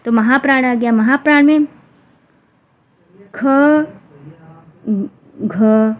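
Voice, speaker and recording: A woman teacher explaining a grammar lesson for exam students, repeating example sounds slowly one by one. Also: fairly high pitch. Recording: dull lo-fi recording with faint noise.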